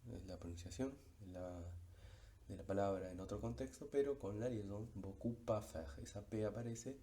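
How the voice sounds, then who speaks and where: A man gives a recorded lesson in a low, warm voice. He explains each example patiently and says the key words slowly. His delivery is unhurried, with frequent pauses and small fillers. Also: fairly even intonation. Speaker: French teacher.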